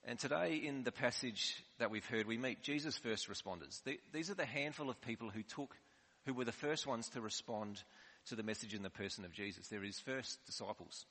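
A man's voice: mid-range voice, fairly quick, fairly bright tone. A man preaching a sermon in a conversational, explanatory way. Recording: long hall reverb.

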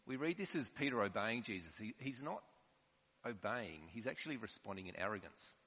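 A man's voice: lowish voice, sing-song, fairly quick, bright, forceful tone, breathy edge. A man preaching a sermon in a conversational, explanatory way. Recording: long hall reverb.

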